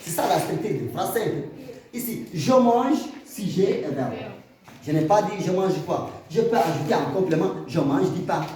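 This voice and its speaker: A man's voice: high voice, expressive, normal speed, darkish tone. A man teaching a grammar lesson to a class, explaining with examples and putting questions to the students. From Mauritania. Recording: echoey room from far off, crowd behind.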